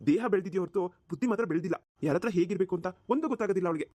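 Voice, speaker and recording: A woman's voice: on the low side, rapid-fire, a little mellow, natural voice. A woman voicing a flustered young husband in a cartoon, pleading and exasperated. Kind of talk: cartoon voice acting.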